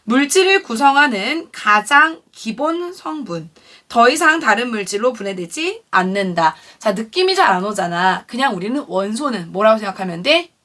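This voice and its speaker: A woman's voice: on the high side, lively intonation, normal speed, bright, forceful tone, far from the mic. A woman teaching a chemistry lesson to a class, who keeps asking questions and then answers them herself. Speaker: science teacher. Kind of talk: classroom lecture.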